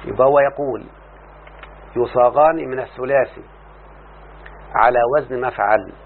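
A man's voice: medium pitch, gravelly. Egyptian guy teaching class, keeps checking everyone follows, sounds like a tinny old recording. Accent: Egyptian Arabic. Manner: explains slowly, often asks the class "yes, sheikh?". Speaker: teacher of Arabic morphology. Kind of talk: classroom lesson. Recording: tinny lo-fi line with faint hum.

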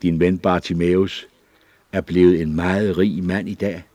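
A man's voice: sits low, level tone, dark tone, no echo. A man doing a mild, kindly father. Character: gentle devout father, middle-aged.

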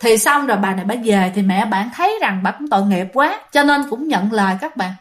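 A woman's voice: mid-range voice, expressive, a little fast. A woman casually narrating a ghost story, chatting directly to her listeners and acting out the characters' lines. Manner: chatty, addresses listeners directly, acts out quoted speech.

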